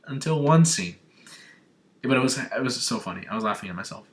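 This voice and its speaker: A young man from Arizona talks through a gaming showcase in an excited, gushing way. His voice sits at an ordinary male pitch. He is a devoted fan recapping for his own channel. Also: brisk. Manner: gushing, breathless fanboy enthusiasm. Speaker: gaming vlogger. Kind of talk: excited video game recap.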